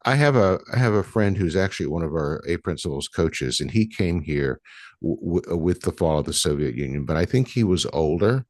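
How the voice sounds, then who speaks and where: A man's voice: deep voice, lively intonation, moderate pace, darkish tone, no echo, studio quality. A man hosting a podcast interview, chatty and rambling, restarting his sentences often. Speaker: podcast host. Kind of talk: casual interview.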